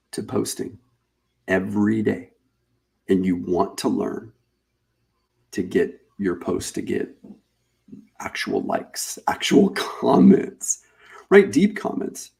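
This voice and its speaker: A man hosting a live webinar, pitching a paid challenge in a casual, chatty way, repeating and restarting phrases as he goes. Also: gravelly, a little mellow. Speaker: webinar host.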